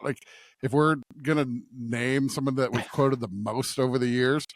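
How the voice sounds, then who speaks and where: Medium-pitched and fairly even in intonation, this middle-aged American man talks at a moderate pace while co-hosting a podcast in a studio at a church. A pastor by calling, he chats casually without a script, rambling and poking fun at himself.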